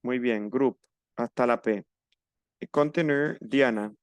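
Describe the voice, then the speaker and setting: A man teaching a French class over a video call, patiently slowing down to model pronunciation. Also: mid-range voice, clear, resonant tone, dry recording. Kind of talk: online class instruction.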